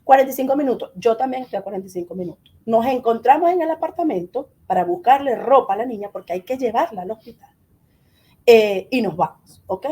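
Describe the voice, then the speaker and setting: Middle-aged woman, interview guest; animated storyteller, higher voice, breathy and soft-toned. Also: fast talker. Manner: animated, acts out quoted dialogue.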